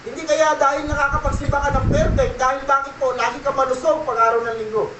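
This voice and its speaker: A male pastor with a very high-pitched voice delivers a church sermon. He keeps asking "okay?" and slips into English now and then. The voice rings out in a roomy church hall, picked up from some distance, with a faint hum of ambience behind it. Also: little pitch movement, fast talker. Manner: preaching with repeated "okay?" check-ins and Taglish. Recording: echoey church room, mic at a distance.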